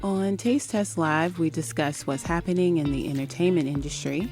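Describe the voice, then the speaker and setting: A woman co-hosting an entertainment podcast, reading promos in a measured way and chatting about celebrities. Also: deep voice, a little mellow, faint music behind. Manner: reads show promos in a measured way. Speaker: podcast co-host. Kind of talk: casual podcast chat.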